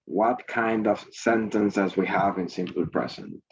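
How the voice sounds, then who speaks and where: A man's voice: on the low side, expressive, a little slow, breathy edge, muffled recording. A male English teacher running an online class, repeating points and prompting students with questions over a video call.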